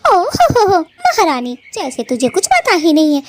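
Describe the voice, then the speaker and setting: Lady voicing a bossy cartoon mama bird, sneers and scolds, real high pitched. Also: huge pitch swings, normal speed, over music, heavily acted. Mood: scornful. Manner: taunting, shrill scolding. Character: scolding proud female bird, Jaggu's mother. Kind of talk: Hindi cartoon voice acting.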